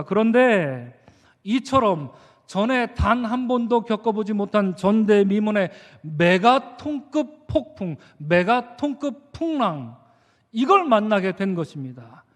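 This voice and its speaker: A male pastor delivering a sermon, who acts out the disciples' frightened and angry words. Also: high voice. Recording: church hall reverb.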